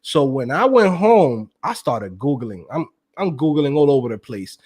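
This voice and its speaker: A young man telling his story as an interview guest, slangy and animated, acting out quotes with laughs. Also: medium pitch, moderate pace, breathy edge. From Queens, New York. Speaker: guest, web developer.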